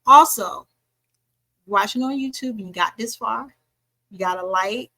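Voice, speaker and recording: A woman's voice: a little high, a little slow, dry recording, low-quality recording. A woman co-hosting a hip-hop podcast, talking casually and emphatically, often repeating words. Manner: animated, emphatic, repeats herself. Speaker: podcast co-host. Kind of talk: casual chat.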